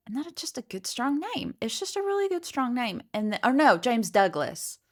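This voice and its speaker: A woman's voice: on the high side, sing-song, moderate pace. A middle-aged woman co-hosting a podcast, chatting casually and gushing over old-fashioned names. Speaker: podcast co-host. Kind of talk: casual chat.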